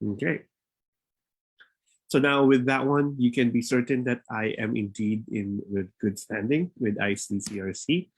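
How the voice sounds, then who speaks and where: A man leads a live webinar from his home office through a laptop microphone. His talk is loose and informal, full of fillers and restarts, and he sounds a bit out of breath. His pitch sits in the middle range for a man. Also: measured pace, husky. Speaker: immigration consultant and webinar host.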